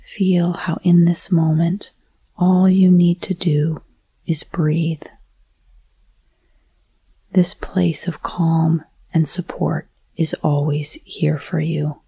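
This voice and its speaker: A woman whispering a slow, soothing guided breathing meditation. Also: low-pitched, creaky, mellow, slightly rough, no room sound.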